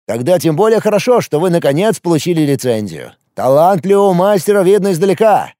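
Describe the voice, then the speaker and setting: A man's voice: sits high, very animated, brisk, dry recording, clean studio sound, voice pushed up. A man voicing a chatty friendly office clerk. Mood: eager. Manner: eager, then hushed half-whisper. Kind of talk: audiobook character voice.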